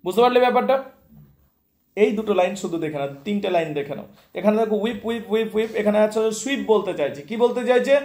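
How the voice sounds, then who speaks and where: A man's voice: high voice, lively intonation, a little fast, a little mellow. A male teacher in a classroom, going through a poem line by line, repeating each phrase and translating it for his students. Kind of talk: classroom poetry lesson. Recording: echoey room.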